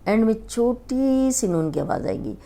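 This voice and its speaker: A woman's voice: fairly high pitch, expressive, creaky, dark tone. Patient woman teaching Quran letters. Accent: Pakistani Urdu. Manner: patient, repeats and stretches each letter sound. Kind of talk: slow Urdu tajweed lesson with drawn-out letter sounds.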